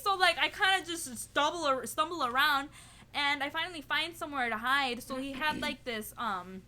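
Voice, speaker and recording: A young woman vlogger with a high-sitting voice tells a story to the camera at a moderate pace. She's chatty and animated, laughing and giggling throughout and leaning heavily on "like" and "you know."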